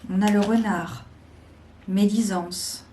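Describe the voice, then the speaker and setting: A woman giving a slow, deliberate weekly tarot guidance, with frequent pauses and hesitations. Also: medium pitch, steady tone, dark tone, slight background noise. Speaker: tarot reader.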